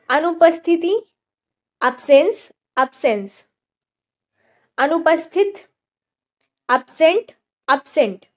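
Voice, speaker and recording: Slow, high-voiced woman teaching vocabulary. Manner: says each word twice, dropping lower on the repeat. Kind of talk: word-list vocabulary lesson.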